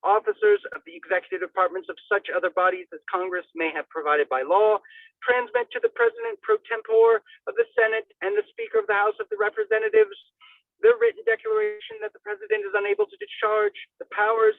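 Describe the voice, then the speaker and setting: In a high, gravelly voice with huge pitch swings and a quick pace, a man dramatically declaims a legal document, punctuating it with sudden emphasis. The recording is dry but thin and phone-like, like radio, picked up from a distance.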